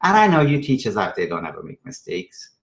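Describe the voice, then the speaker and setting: With a gravelly, rather low voice that swings hugely in pitch, a man from Trinidad and Venezuela briskly teaches a math strategy session to teachers. He's conversational and emphatic, leaning on rhetorical questions and frequent check-in tags, in an echoey room.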